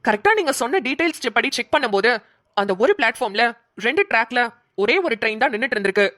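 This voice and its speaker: Cartoon role: a woman playing a brisk young officer, slightly high voice, dry close sound. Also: expressive, fairly bright tone, no echo. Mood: businesslike. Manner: brisk, businesslike. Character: young male police colleague on a call. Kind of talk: cartoon voice acting.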